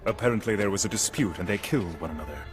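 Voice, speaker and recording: An actor playing a formal, composed official in an anime dub. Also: male voice, lowish voice, racing, close to an everyday voice. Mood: cool, formal. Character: formal, composed male official delivering reports. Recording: loud music over dubbed clip.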